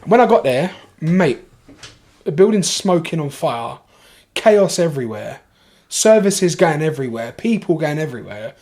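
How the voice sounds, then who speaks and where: At a moderate pace, a podcast guest with a London accent and a voice a bit high for a man recounts his story. He's casual and animated, swearing freely and frequently starting his sentences again.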